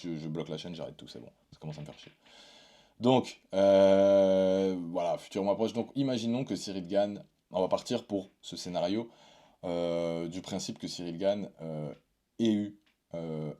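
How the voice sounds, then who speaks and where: Male channel host, deep mellow tone, casual unscripted commentary, blunt, hesitant delivery. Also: normal speed. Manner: rambling, hesitant with frequent fillers and restarts; blunt and informal. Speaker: MMA YouTube channel host.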